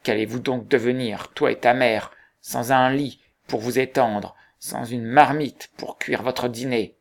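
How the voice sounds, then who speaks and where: A man's voice: mid-range voice, steady tone, measured pace, creaky. A man reading aloud and voicing a blunt, suspicious older man who asks probing questions. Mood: astonished.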